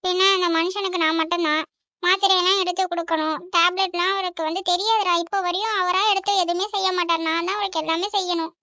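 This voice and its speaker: A woman's voice: very high-pitched, steady tone, fast talker, sharp tone, no room sound, highs cut off, full character voice. A woman voicing a sorrowful cartoon mother. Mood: sad. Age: middle-aged. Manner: sorrowful, pleading. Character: middle-aged mother, tearful and clingy. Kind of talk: cartoon voice acting. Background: music.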